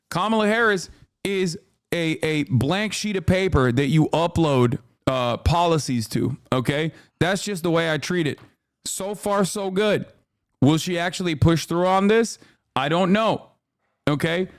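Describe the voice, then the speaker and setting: A man's voice: on the high side, dry recording, studio quality. A man live-streaming political reaction commentary, talking in a profane, emphatic way and often tagging "okay?" onto his points.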